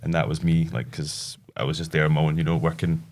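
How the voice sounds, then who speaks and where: A man chatting as a podcast guest. His voice is very deep, and he rambles loosely, stopping often to search for words. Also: steady tone, brisk, creaky. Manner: rambling, easygoing, many fillers. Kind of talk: casual chat.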